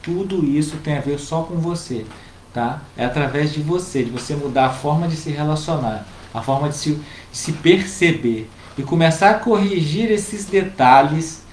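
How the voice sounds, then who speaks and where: A man, co-hosting a casual advice chat and calmly explaining to viewers. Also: a little high, moderate pace. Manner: calm, explanatory, addresses viewers directly. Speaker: co-host giving family advice. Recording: roomy with faint background noise.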